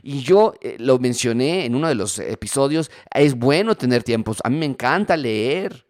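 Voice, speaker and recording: A man preaching a sermon on marriage, animated, sometimes acting out the voices of quarreling spouses. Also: medium pitch, normal speed, no room sound, studio quality. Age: married adult. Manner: animated, acts out quoted spouses. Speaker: pastor.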